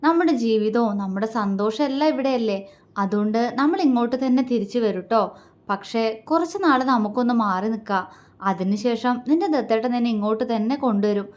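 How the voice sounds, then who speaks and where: A woman voicing a tender young husband who speaks gently and reassuringly. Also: on the high side, brisk, close to an everyday voice.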